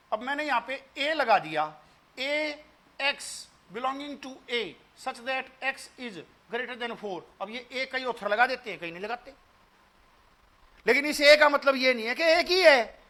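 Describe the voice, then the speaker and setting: A man's voice: very high-pitched, sharp tone. A man with an Indian accent teaching math in an online demo class, explaining patiently and repeating his points while he quizzes the students. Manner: switches freely between Hindi and English.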